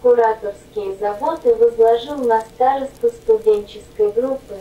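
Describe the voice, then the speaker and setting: A female text-to-speech robot voice reading autobiographical notes in an even, mechanical way. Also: a little high, measured pace, roomy sound, recorded from a distance, slight background noise, poor audio.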